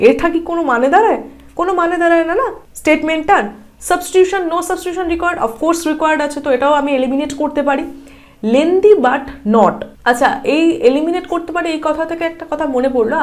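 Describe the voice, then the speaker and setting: A woman from India leads an online exam-prep lesson in a high voice, working through each answer step by step. She reads options slowly and keeps checking in with the viewer through rhetorical questions. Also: a little mellow. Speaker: exam coaching teacher.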